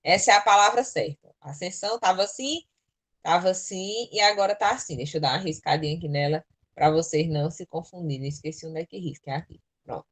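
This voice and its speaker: Her voice is lowish and her pace quick as this Brazilian woman, accented in Brazilian Portuguese, teaches spelling rules online. She explains patiently and step by step into her computer's mic.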